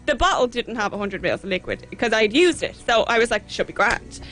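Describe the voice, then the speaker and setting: High, lively Irish woman co-host. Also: fairly quick, soft background music. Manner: chatty, laughing, insistent. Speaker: radio co-host. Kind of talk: casual on-air chat.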